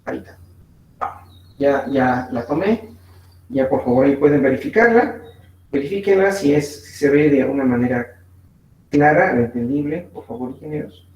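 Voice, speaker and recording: A man's voice: mid-range voice, expressive, normal speed, long pauses, darkish tone. A man teaching a physics class, explaining step by step with frequent fillers and checking in with his students, with a Mexican Spanish accent. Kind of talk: online class lecture. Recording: echoey room, distant mic, faint noise.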